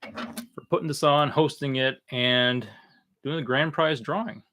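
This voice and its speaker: A man hosting a casual, unscripted livestream, talking in a halting way that often trails off. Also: mid-range voice, pushed and bright, slight background noise. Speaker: livestream host.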